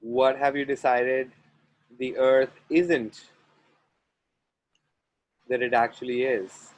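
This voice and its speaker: Facilitating an online group call from an outdoor spot near the ocean, an Indian man with an Indian accent guides listeners through clearing phrases using deliberate, chant-like repetition. His medium pitch barely moves, his tone is darkish, and the recording sounds muffled.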